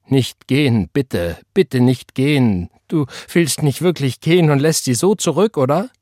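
A man's voice: on the low side, unhurried, husky, no echo, studio quality. A man reading an audiobook, voicing a desperate young man who pleads urgently with his sister not to leave. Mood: begging.

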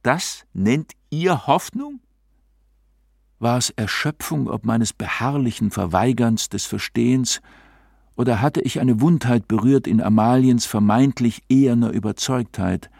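A man narrating a literary audiobook with a measured, brooding delivery. His voice has a gravelly edge, and the sound is dry and close. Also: medium pitch, darkish tone, dry recording. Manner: measured, brooding, formal storytelling.

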